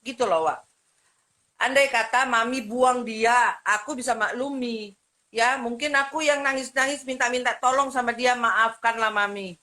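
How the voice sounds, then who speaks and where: Woman, high and bright, scolding account with repeated rhetorical questions. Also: moderate pace. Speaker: vlogger telling her side of a family dispute. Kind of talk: heated personal account to camera.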